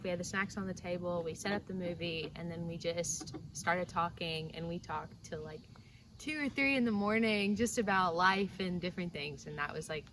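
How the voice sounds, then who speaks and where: A woman's voice: on the low side, fairly bright tone. A young woman from South Mississippi, a service corps member, telling a story casually with fillers. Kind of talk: personal reflection to camera. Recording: distant mic, noisy background.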